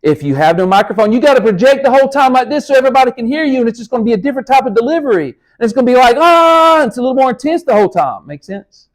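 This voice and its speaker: A man teaching speech addresses his students directly in a lecture room with a lectern, sounding encouraging and conversational. His voice is very high with lively intonation, and he talks rapid-fire with hardly any pauses.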